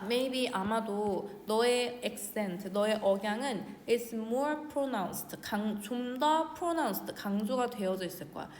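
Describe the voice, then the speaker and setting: A woman teacher talking casually as she works through an English exam passage. She reads English phrases slowly, translates them, and asks questions that she then answers herself. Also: on the high side, a little hiss or hum. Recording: roomy, reverberant with faint ambience.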